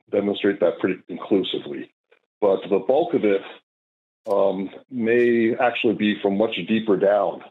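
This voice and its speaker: Older guy calling in on a tinny phone line, low husky voice, lots of uhs and ums. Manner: hesitant, many fillers and restarts. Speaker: caller. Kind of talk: call-in debate. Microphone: phone call.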